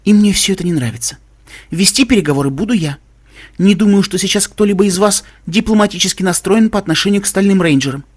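A man voicing a gentle, refined female unicorn pony with a soft, slightly husky voice, pleading and diplomatic. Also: sits high, fast talker, pitched above the performer's own voice. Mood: wry.

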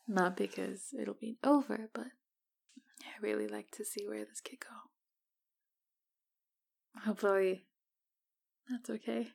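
Husky whispering woman, slow and soft. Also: mid-range voice. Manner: flirtatious, gentle. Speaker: roleplay researcher. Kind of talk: ASMR roleplay.

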